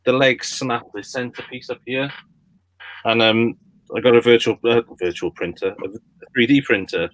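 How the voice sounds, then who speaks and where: A man's voice: mid-range voice, fairly even intonation, normal speed, a bit bright, low-quality recording. A man chatting casually as a livestream guest, explaining things in a meandering way. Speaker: livestream guest, retro game collector. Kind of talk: casual chat.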